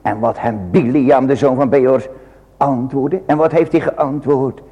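A man's voice: mid-range voice, fairly even intonation, a little slow, breathy edge, long reverb tail, highs cut off. A man preaching a sermon, pressing his point with repeated rhetorical questions.

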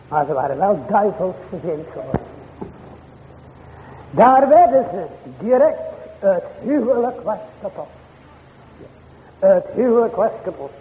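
High, lively Dutch-speaking preacher man. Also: long reverb tail, narrow, tinny audio, a little hiss or hum. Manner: preaching with sudden rises and drops in pitch and loudness; old-fashioned formal church language, addresses "mijn hoorders". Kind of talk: sermon.

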